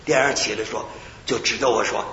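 An older man preaching a sermon, telling personal stories with lively shouts, prayers and laughter. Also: medium pitch, fast. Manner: animated storytelling, acting out shouts and prayers, laughing. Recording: echoey hall, dull lo-fi sound, faint hiss.

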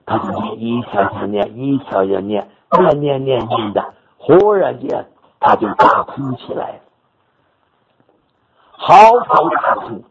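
An older man preacher telling a story in his sermon, animated and repetitive, rising to sudden high exclamations. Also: measured pace, vocal fry, husky. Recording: dull lo-fi recording with audience noise.

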